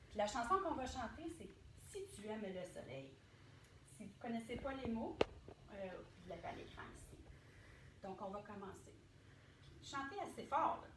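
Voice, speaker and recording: A woman's voice: mid-range voice, background noise. A woman leading a library storytime, reading picture books and talking encouragingly to children. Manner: warm encouraging, addressing children. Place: library room. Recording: echoey room, faint ambience.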